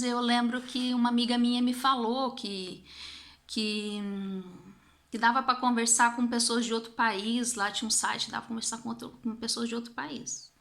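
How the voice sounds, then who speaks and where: High-voiced Brazilian woman musing aloud. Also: a bit bright. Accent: Brazilian Portuguese. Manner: reflective, repeats and restarts phrases. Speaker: vlogger. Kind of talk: casual motivational monologue.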